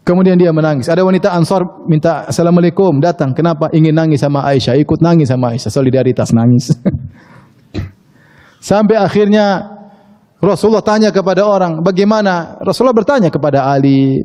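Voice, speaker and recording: A man preaches and tells a story, acting out each quoted line with a lively swing in his voice. His voice sits high but sounds mellow and dark. It rings with the long reverb of a large hall. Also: fairly quick. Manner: animated storytelling, acts out quoted speech, chuckles at his own asides. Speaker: Islamic preacher. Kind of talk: sermon storytelling.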